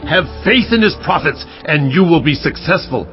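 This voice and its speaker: A man's voice: on the high side, animated, normal speed, highs cut off, faint music behind. An actor playing a devout biblical king who pleads and exhorts earnestly in a dramatized audiobook. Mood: rousing, exhorting. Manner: earnest, declamatory oratory. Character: pleading, devout king of Judah praying before his people.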